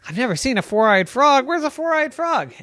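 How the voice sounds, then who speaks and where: Gilbert, a narrator doing a squeaky excitable frog boy. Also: a little fast, no room sound, clean studio sound. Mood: excited. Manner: high, excited and indignant. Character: earnest bookish young male frog.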